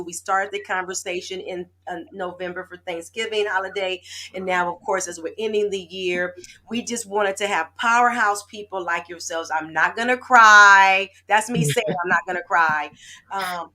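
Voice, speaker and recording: A woman's voice: mid-range voice, steady tone, moderate pace, fairly bright tone. A woman hosting an inspirational talk show over a video call, effusive and heartfelt, close to tears at times.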